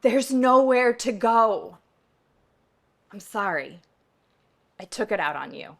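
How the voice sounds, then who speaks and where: Lady quoting a worn-out homeless woman, blunt, talks low and hushed. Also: expressive, slow pace. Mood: contrite. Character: weary unhoused woman, blunt and tired.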